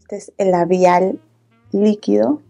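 A woman in her thirties talking softly and intimately, in a casual makeup-vlog chat. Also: fairly even intonation, takes it slowly, creaky, faint music behind. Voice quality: soft-spoken. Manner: soft, low-volume talking, intimate. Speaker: beauty vlogger, host. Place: small indoor room, filming setup.

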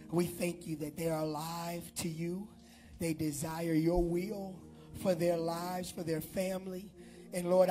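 A middle-aged pastor's high-sitting voice fills a large church hall as he leads a prayer and gives announcements on a handheld mic, shouting to the congregation in an animated way.

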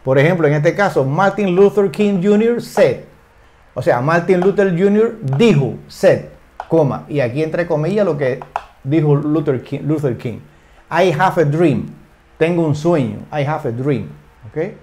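A man's voice: fairly high pitch, expressive, warm tone. Older man teaching English in Spanish. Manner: repeats phrases, frequent tag questions, slow careful English examples. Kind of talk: explaining English lesson in Spanish.

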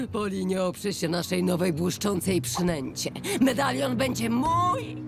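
A woman's voice: on the high side, huge pitch swings, vocal fry, heavily acted. An actress playing a greedy, scheming older woman villain in a cartoon, with a gloating, theatrical manner. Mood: gloating, menacing. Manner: drawn-out, gloating, cackling. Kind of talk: animated cartoon dub. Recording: loud background music.

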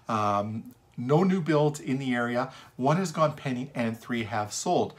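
A man's voice: mid-range voice, a bit bright. A man, a realtor giving an upbeat, unedited weekly market update and reading off figures with a few fillers. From Canada.

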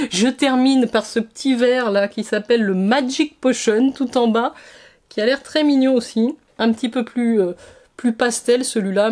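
A woman's voice: fairly high pitch, darkish tone. A woman beauty vlogger chatting enthusiastically through a makeup palette review, with frequent restarts. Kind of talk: casual makeup review to camera.

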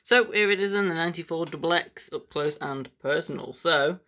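A man's voice: a little high, fairly quick, sharp tone. A man, casually reviewing a model locomotive at length, enthusiastic and rambling. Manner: enthusiastic, rambling with fillers like "bits and bobs".

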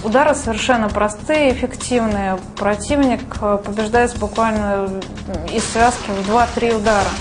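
A young woman giving casual, spontaneous commentary on a game in short, halting phrases. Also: on the high side, fairly even intonation. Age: young adult. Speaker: martial artist reviewing a game. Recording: loud music behind.

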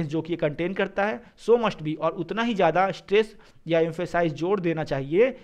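A male teacher who explains exam answers, reading English sentences slowly and then explaining them quickly. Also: on the high side. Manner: mixes English phrases into explanations, repeats "ठीक है".

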